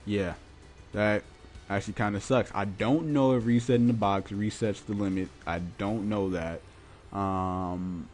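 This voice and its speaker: A man's voice: fairly low pitch, a little mellow, a little hiss or hum. A man hosting his own gaming podcast, talking informally and colloquially in casual solo commentary. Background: music.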